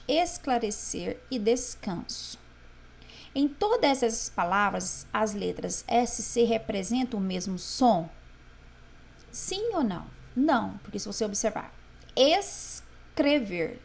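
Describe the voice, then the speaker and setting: A woman's voice: fairly high pitch, vocal fry. A woman teacher going through homework corrections, patiently sounding words out syllable by syllable. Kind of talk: correcting homework exercises aloud.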